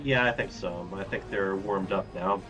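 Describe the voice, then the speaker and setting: A man casting a live strategy game, easygoing and quick to laugh, at times stretching out names in an announcer voice. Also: sits low, music in the background. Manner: easygoing, laughs often, slips into a drawn-out announcer voice. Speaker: esports caster.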